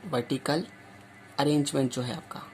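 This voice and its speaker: Man, maths teacher, lecture, keeps asking students questions, mid-pitched voice, faint music behind. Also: steady tone, moderate pace. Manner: constantly quizzing with repeated questions. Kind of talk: classroom lecture.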